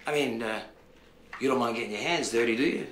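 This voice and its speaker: An actor playing a gruff, impatient mob boss. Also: male voice, medium pitch, fairly quick, a bit bright, echoey room, a little hiss or hum, natural voice. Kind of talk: sitcom acting.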